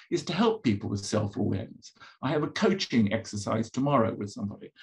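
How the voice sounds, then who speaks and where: A man with a colonial accent from an upbringing in Africa, lecturing conversationally as a psychologist, asking rhetorical questions and driving points home in short, repeated phrases. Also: mid-range voice. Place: indoors, video call presentation with slides.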